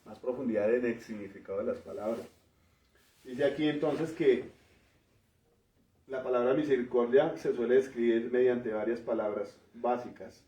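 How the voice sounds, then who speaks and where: A man preaching a teaching sermon, explaining word meanings in a measured way and often ending phrases with a questioning tag. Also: mid-range voice, dark tone. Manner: pauses and restarts while working through word meanings. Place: church. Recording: roomy, distant, dull church recording.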